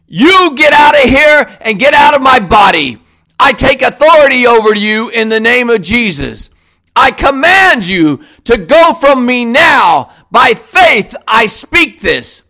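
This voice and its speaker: A man declaring a healing prayer in a commanding, forceful way, with repeated shouted declarations. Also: very high-pitched.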